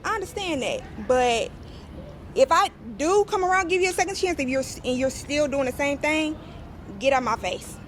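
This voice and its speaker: A woman's voice: high voice, normal speed, a little hiss or hum. A young woman answering street interview questions bluntly and firmly. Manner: blunt, firm opinions. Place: outdoors on a street.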